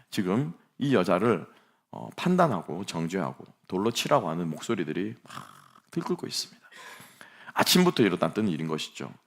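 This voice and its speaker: A man's voice: lowish voice, vocal fry. A middle-aged man preaching a sermon as pastor, telling a story and asking the congregation rhetorical questions.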